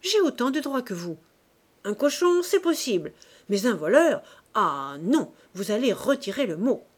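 A woman's voice: a little high, big pitch swings, a little slow, voice pushed up. A woman reading an audiobook voices a brash, quarrelsome male financier who argues defiantly and insults his rival. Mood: angry.

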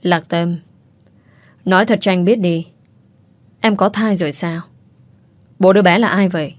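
A woman reading aloud plays an earnest young son, flustered and protesting. The voice stays low and the sound is dry and close, as in a spoken storybook. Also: fairly even intonation, measured pace, dry recording, natural voice. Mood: serious. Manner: protesting, bewildered.

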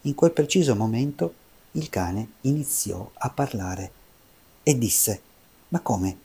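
Uomo che legge una fiaba con voce scura. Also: male voice, medium pitch, lively intonation, slow pace, gravelly, mellow, husky. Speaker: narrator. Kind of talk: storybook narration.

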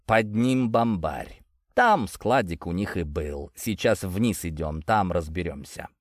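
A man voicing a gruff, unhurried old man in an audiobook, speaking low, quiet and drawling. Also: lively intonation, dry recording, studio quality, heavily acted. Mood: terse. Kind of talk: audiobook character voice.

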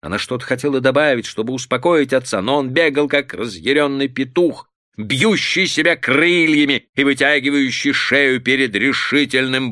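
A man narrating a literary story in an expressive, lively reading. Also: mid-range voice, dry recording, studio quality.

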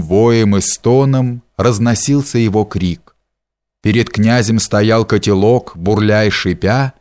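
A man reading a story aloud in measured, deliberate audiobook narration. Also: on the low side, a little mellow. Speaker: audiobook reader.

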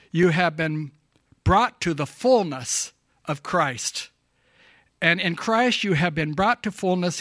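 Emphatic high-voiced preacher man. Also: fairly bright tone, dry recording, clean studio sound. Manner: emphatic, asks the congregation questions; gets emotional. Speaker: pastor. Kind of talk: sermon. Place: church.

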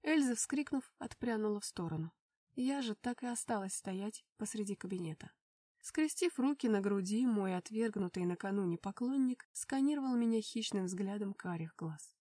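A woman reading a first-person romance novel aloud with steady, even storytelling. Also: mid-range voice, normal speed, distant mic. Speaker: audiobook narrator.

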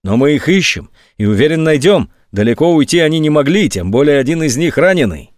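A man's voice: fairly high pitch, sing-song, fairly quick, no room sound, clean studio sound, pitched above the performer's own voice. Man reading as a glum, cornered colonel. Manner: subdued, reluctant. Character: downcast, cornered middle-aged male colonel.

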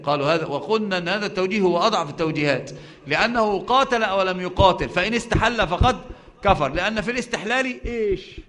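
Fast-talking Egyptian sheikh teaching a class. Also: male voice, high-pitched, fairly bright tone. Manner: emphatic, with frequent "aah" fillers and restarts, asks the class rhetorical questions. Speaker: religious teacher. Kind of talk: live classroom lecture on doctrine.

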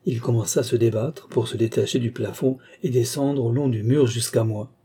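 A man narrating an audiobook in a very dark, mellow voice. His tone has a husky grain, and his reading is measured and even. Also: mid-range voice. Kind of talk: scripted narration.

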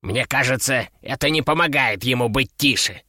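A man voicing a grumbling, sardonic male talking parrot in an audiobook, a bit lower and slower than his narration. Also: bright, forceful tone, no room sound, studio quality. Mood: wry. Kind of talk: audiobook character voice.

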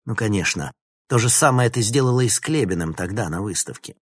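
A man's voice: on the low side, expressive, brisk, breathy edge, no room sound, clean studio sound, pitched above the performer's own voice. A male narrator voicing an earnest teenage boy hero who pleads in a firm, urgent way.

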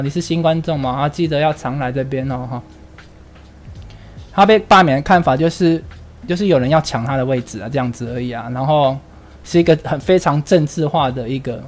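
A man's voice: a little high, a little mellow. A man with a Taiwanese Mandarin accent hosting a casual livestream chat, blunt and ranting, swearing freely while answering viewers' comments. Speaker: livestream host.

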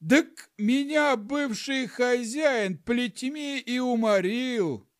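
Howling peasant ghosts. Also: male voice, very high voice, dry recording, clean studio sound, voice pushed up, exaggerated voice. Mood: plaintive. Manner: drawn-out, howling. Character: wailing crowd of old peasant ghosts. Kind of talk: audiobook narration.

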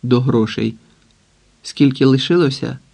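A man's voice: medium pitch, a little slow, vocal fry, a little mellow. A man voicing an anxious young man who mutters tensely to himself.

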